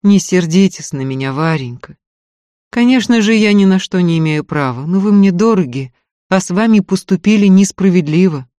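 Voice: mid-range voice, lively intonation, normal speed, a little mellow, no room sound, voice pushed up, natural voice. A reader voicing Andrey, an impulsive, gallant young male student who speaks earnestly, in an audiobook. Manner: earnest, ardent, stammering apologies. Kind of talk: audiobook character voice.

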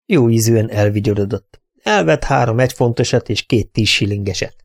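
A male narrator reading a novel aloud in a steady, measured storytelling manner. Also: lowish voice, creaky. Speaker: audiobook narrator.

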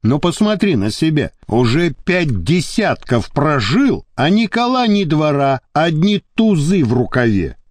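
A man's voice: a little high, big pitch swings, measured pace, few pauses. A man voicing a sardonic, lecturing henchman. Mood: mocking. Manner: mocking, lecturing. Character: sardonic reasoning male henchman.

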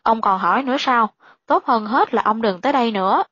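Woman voicing a frightened, sharp-tongued widow. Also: fairly high pitch, fairly quick, husky, dry recording, dull audio. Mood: curt.

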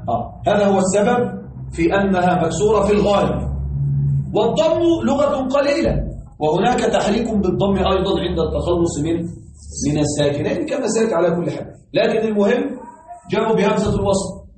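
A man's voice: high voice, sing-song, brisk, a little mellow. A man teaching an Arabic grammar class, quizzing and teasing his students as he explains. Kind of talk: classroom lesson with questions to students. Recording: echoey classroom, far from mic, faint noise.

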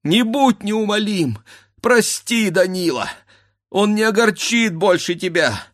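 Man putting on a young Cossack wife, desperate, anguished, raised high voice, loud outbursts, dry close sound. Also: expressive, slow, no echo, heavily acted. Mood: pleading. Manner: anguished, pleading, accusing outbursts. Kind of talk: dramatic audiobook reading.

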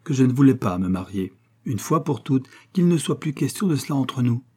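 A man reading the part of a calm, firm young engineer refusing his father in an audiobook. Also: medium pitch, moderate pace, natural voice. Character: young male engineer, calm, stubborn son.

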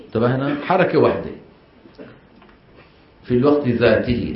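Male teacher, Levantine accent, classroom lecture, quizzes the class often; roomy, muffled lo-fi sound. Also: mid-range voice. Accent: Levantine Arabic. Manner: questions the class often and drills them to repeat. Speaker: Quran recitation teacher. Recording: echoey, dull lo-fi classroom recording.

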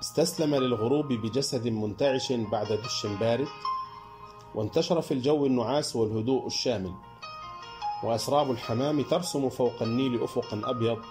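A man narrating a novel in measured, scripted audiobook reading. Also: mid-range voice, over music.

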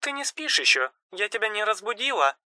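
A man voicing an affectionate, fussing mother on the phone, in an audiobook. The voice is soft and bright, with lively, rising intonation. The recording is dry and close. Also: sits high, a little fast, no room sound, voice pushed up, heavily acted. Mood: fond, fussing. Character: caring, chatty middle-aged mother on phone. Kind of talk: audiobook narration.

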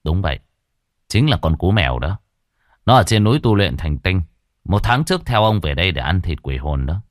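A stern exorcist master from a spoken fantasy tale, speaking in a low, firm, blunt voice, as a male narrator plays him. He questions people with commanding directness. The sound is dry and close. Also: big pitch swings, moderate pace, no room sound.

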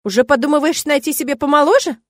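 A woman reading the lines of a playful, teasing young wife in an audiobook, her voice lifted higher than her narration. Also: fast, no echo, clean studio sound, natural voice. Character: tender, playful woman, newly pregnant wife.

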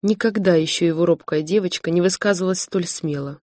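Low-voiced woman reading a novel. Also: fairly quick, darkish tone, dry recording, studio quality. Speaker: audiobook narrator. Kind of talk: scripted narration.

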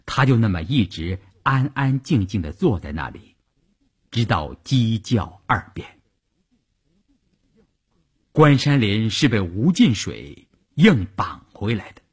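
A man narrating a story for a storytelling broadcast in a slow, expressive way. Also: on the low side, slightly rough.

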